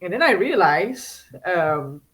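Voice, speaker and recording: A woman's voice: on the low side, sing-song, slow pace, low-quality recording. A woman from Singapore, a guest chatting casually in an interview, with many fillers, restarts and laughs.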